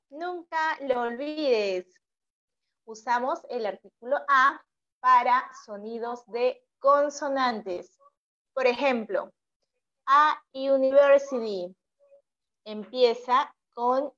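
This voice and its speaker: A woman with a high voice hosts an English lesson show, explaining carefully and repeating each point so it sticks. The sound is a bit dull and lo-fi. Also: fairly bright tone. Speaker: host of an online English program. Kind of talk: hosting an English lesson broadcast.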